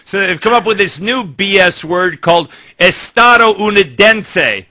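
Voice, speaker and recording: A man's voice: sits high, lively intonation, measured pace, sharp tone. A man with an English accent hosting a casual radio chat, formal and dry in his humor. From England. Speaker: radio show host.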